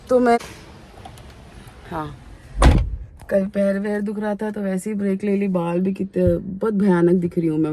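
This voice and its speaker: A woman's voice: medium pitch, background noise. A woman, chatting frankly and openly in a casual family vlog while feeling unwell. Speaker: family vlogger.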